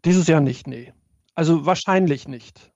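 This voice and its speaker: A man's voice: fairly high pitch, measured pace, a little mellow, dry recording, lo-fi sound. A man co-hosting a podcast, chatting casually in a rambling way. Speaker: podcast co-host. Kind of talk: casual chat.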